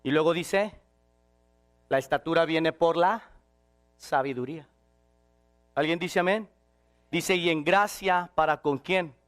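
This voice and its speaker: A man preaching a sermon, swinging from shouted passages to quiet, intimate ones. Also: fairly high pitch, measured pace, long pauses, clear, resonant tone.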